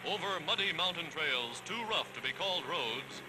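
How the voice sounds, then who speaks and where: Declaiming scripted 1940s newsreel narration, an American man sounds animated and formally dramatic, his voice pitched on the high side and his speed normal. Loud newsreel music fills the background of this low-quality vintage soundtrack.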